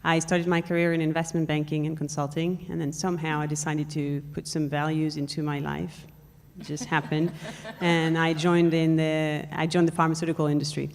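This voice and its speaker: Woman panelist, very low voice, candid; hall reverb. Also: little pitch movement, normal speed, few pauses. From France. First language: French. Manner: candid, self-deprecating. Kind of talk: panel self-introduction. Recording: long reverb of an event hall.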